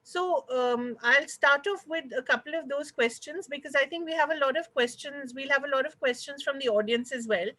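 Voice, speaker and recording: A woman with an Indian accent hosts a talk over a video call. Her voice is high and bright. She speaks politely and conversationally, feeling her way through long, hesitant questions. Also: moderate pace, hardly any pauses. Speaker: host of an online talk show.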